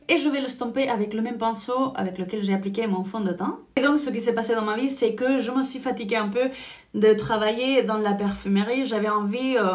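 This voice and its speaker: Chatty woman with a spanish-tinged accent. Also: a little high. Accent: Spanish-influenced French. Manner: chatty, frequent "en fait" fillers. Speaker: beauty vlogger. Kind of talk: casual makeup tutorial chat.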